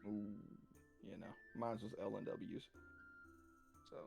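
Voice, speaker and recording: A man's voice: on the low side, steady tone, takes it slowly, gravelly, mellow, faint music behind. A man playing a tabletop game in a casual, rambling way. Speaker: player.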